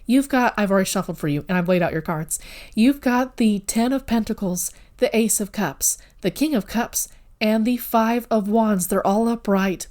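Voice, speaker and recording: A woman's voice: medium pitch, normal speed, a little mellow. A woman giving a casual spoken tarot reading, talking straight to the viewer in an earnest, rambling way with self-corrections. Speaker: tarot reader.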